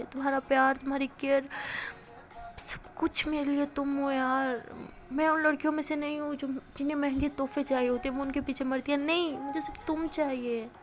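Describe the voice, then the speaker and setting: A tearful, loving young woman pleading to be understood, her voice high and fairly level, as a woman narrator plays her. The hurt sits under every line. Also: lightly acted.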